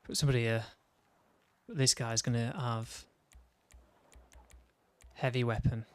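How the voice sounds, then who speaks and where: A man's voice: medium pitch, steady tone, a little slow, smooth, dry recording. A man giving casual commentary while building a game mission, thinking aloud and talking to himself. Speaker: gaming video creator.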